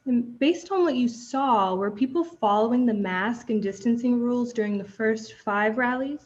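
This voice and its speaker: A young woman trial advocate questioning a witness and addressing the bench in a measured, formal way, heard through a courtroom recording. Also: on the high side, a little mellow, muffled recording, slight background noise.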